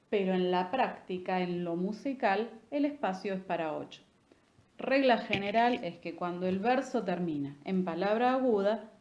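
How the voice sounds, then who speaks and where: A woman teaching a literature lesson. She explains patiently, checks in with "¿sí?" and taps out rhythm while reciting verse slowly. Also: mid-range voice, darkish tone. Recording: echoey room with faint noise.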